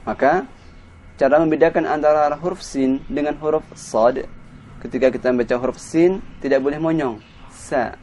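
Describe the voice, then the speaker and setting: A man's voice: fairly high pitch, darkish tone, slight background noise. A man teaching Quran pronunciation, patiently drilling letters and syllables one by one. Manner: patient, spells sounds out slowly and repeats them. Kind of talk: slow tajwid lesson with drilled syllables.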